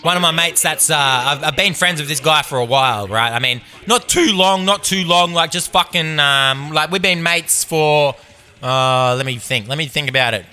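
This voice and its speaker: Bright-voiced man rambling. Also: a little high, normal speed. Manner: laid-back, heavy swearing, many fillers. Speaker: podcast host. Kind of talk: rambling comic monologue.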